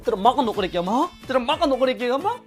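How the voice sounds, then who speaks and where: A man's voice: very high voice, very animated, very fast. A man playing a put-upon young daughter-in-law who answers meekly and mutters her complaints. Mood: resentful. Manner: soft submissive replies, muttered complaints. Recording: loud background music.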